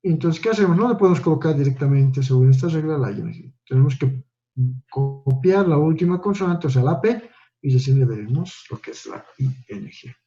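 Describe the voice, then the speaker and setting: A man's voice: fairly high pitch, lively intonation, brisk, dark tone, lo-fi sound, faint music behind. Man teaching, questioning tags. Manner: explains step by step, tags lines with "¿no?" and "¿ya?". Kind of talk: classroom lecture.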